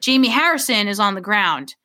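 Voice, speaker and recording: A young woman from Portland, Maine, co-hosts a podcast, chatting earnestly and casually with sighs and laughs along the way. Her mid-range voice is brisk and sharp, with big swings in pitch.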